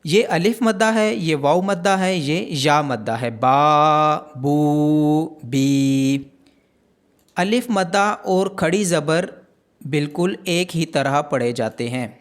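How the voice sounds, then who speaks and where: A man teaching Quran reading in a step-by-step pronunciation lesson, with a Pakistani Urdu accent, slowly repeating letter sounds for drill. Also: a little high, lively intonation.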